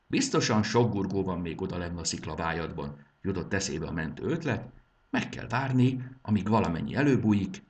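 A man reading a children's adventure story aloud in an expressive, steady manner. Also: deep voice. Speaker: narrator.

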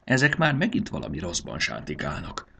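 A man voicing a young boy who mutters in annoyance and talks in a hushed voice. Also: low-pitched, wildly swooping pitch, gravelly, slight background noise, exaggerated voice. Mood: grumbling. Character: young boy Jakab, grumbling and resigned.

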